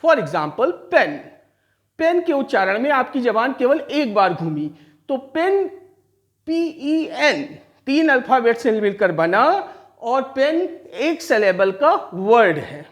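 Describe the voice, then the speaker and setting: A male teacher gives a classroom-style grammar lesson. His pitch rises and falls animatedly, and he slows down to stretch out key terms. He keeps putting questions to the class and then answering them himself. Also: very animated. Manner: explains step by step, poses and answers his own questions. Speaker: English teacher.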